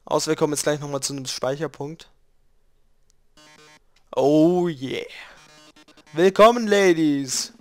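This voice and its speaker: Excitable high-voiced gaming commentator. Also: male voice, a little slow, pauses often, dry recording. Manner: excitable, loud outbursts and swearing. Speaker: let's player. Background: faint game music.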